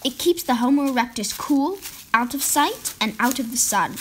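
A woman with a high voice narrates a mock nature documentary from a script. Her delivery is theatrical and sing-song, with the pitch swooping widely. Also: animated, moderate pace, slight background noise.

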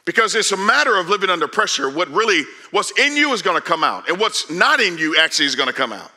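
Speaking quickly in a high-sitting voice, a forties-aged pastor preaches a sermon on a large church stage. He's animated and conversational, swinging between loud calls and hushed asides.

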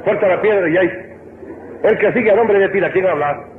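A man with an Ecuadorian accent hosting a live call-in joke show on the radio, brisk and barking cues at callers. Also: sits high. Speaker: radio host. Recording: old tinny radio broadcast, echoey, noisy.

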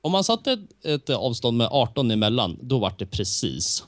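A man's voice: mid-range voice, very animated, no room sound, studio quality. A Swedish man co-hosting a casual gameplay chat, counting blocks aloud and laughing easily. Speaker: let's play co-host.

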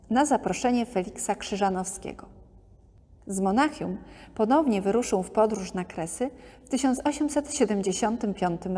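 A woman narrating a museum art-history podcast in a calm, measured scripted reading. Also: medium pitch. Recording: long hall reverb.

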